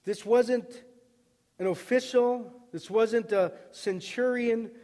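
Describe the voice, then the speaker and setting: A man preaching a sermon as a pastor, emphatic and repetitive, swinging between loud cries and soft, hushed lines. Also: very high voice, fairly even intonation, takes it slowly. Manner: emphatic, repeats words, builds to loud cries then drops soft. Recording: long reverb of a hall.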